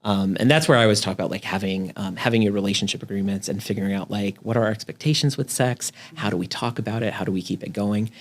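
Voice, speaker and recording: A man's voice: on the low side, quick pace, hardly any pauses. A man who works as a therapist, talking through relationship problems in a casual interview and peppering his speech with "like" and "right?". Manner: chatty, fills with "like" and "right?".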